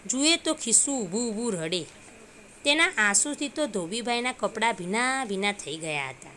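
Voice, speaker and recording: Woman teacher reading a kids story, explains words simply, voice a bit high, faint background noise. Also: expressive, moderate pace, bright, forceful tone. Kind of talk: story reading and lesson for children.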